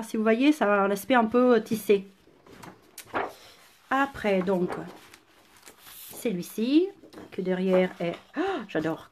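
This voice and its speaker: A crafting product demonstrator with an Italian accent enthusiastically chats through a casual live-stream unboxing, often pausing on "euh." Her medium-pitched voice is captured on a phone camera indoors at home, with a little hiss or hum.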